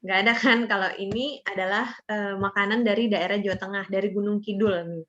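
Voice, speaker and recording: A woman's voice: mid-range voice, fairly even intonation, brisk, fairly bright tone, lo-fi sound. A young adult woman presenting a student assignment in a casual, chatty way, with lots of fillers. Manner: chatty, with many fillers and tag words.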